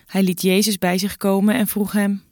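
A woman narrating a Bible passage in an even, measured way. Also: mid-range voice, dry recording, studio quality.

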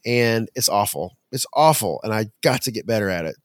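A man co-hosting a podcast in casual chat, talking earnestly and getting animated as he recounts his frustrations. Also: fairly low pitch, brisk, no room sound, clean studio sound. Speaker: podcast co-host.

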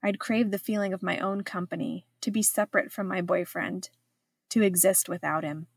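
A woman's voice: lowish voice, fairly even intonation, normal speed, vocal fry, husky, no room sound, clean studio sound. A woman reading her own travel memoir aloud in scripted first-person narration, reflective with a wry edge.

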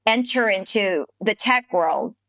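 A woman hosting a podcast interview, upbeat and quick to laugh, with frequent fillers. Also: mid-range voice, expressive, fairly bright tone, dry recording. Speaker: podcast host.

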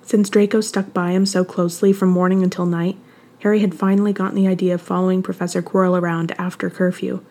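A woman narrating a fan fiction story aloud in an even, steady way. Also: fairly low pitch, fast talker.

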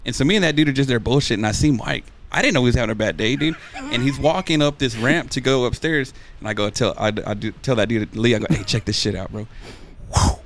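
A man's voice: mid-range voice, fast talker, hardly any pauses, fairly bright tone, a little hiss or hum. A man in his forties telling stories in a casual chat, profane and saying dude a lot. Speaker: podcast guest.

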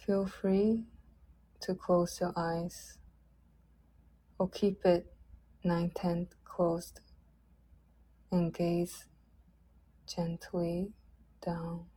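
A woman leading a guided loving-kindness meditation in a soft, gentle, drawn-out way. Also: lowish voice, breathy edge, rough recording.

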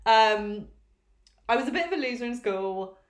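Young woman, podcast co-host, high, lively and bright, swears, mocks herself, in a roomy echo. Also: normal speed. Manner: animated, self-mocking, swears freely. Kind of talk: casual chat.

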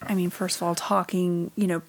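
A woman guest on a podcast, explaining support options in a gentle, measured way. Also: on the low side, little pitch movement. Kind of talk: casual podcast chat.

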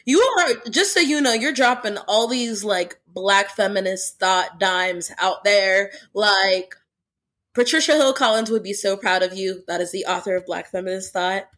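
A woman's voice: mid-range voice, a little slow, fairly bright tone. A young adult woman hosting a podcast, talking in an earnest, casual way full of "like" fillers. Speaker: podcast host. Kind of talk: casual chat.

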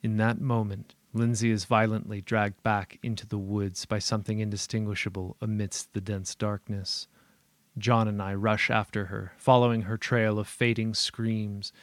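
Guy reading a creepy story, low voice, dry close sound. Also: no room sound. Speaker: narrator. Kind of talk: first-person horror story narration.

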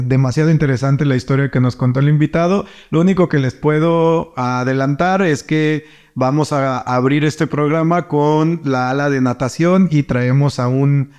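A man's voice: mid-range voice, a little mellow, smooth. A man, hosting a sports interview show, chatting casually and upbeat as he promotes the next episode, often stopping and restarting his sentences. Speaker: host.

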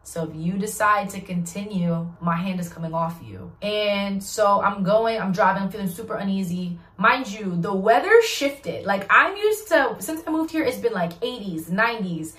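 A woman giving a casual testimony vlog, telling her story in an animated, slangy way. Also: mid-range voice, moderate pace, few pauses. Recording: roomy echo, distant mic.

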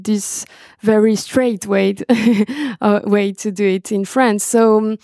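Warm-voiced woman, halting speech. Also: mid-range voice, dry recording, studio quality. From Brazil. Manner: halting, searching for words. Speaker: guest musician. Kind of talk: interview conversation. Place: home, indoors. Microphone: video call.

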